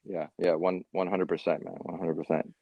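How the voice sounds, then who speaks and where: A man's voice: sits low, flat delivery, brisk, creaky, slightly rough, no echo. A man being interviewed about solar sales, talking casually with stammering restarts and saying "man" and "right?" a lot. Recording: dull lo-fi, dry sound.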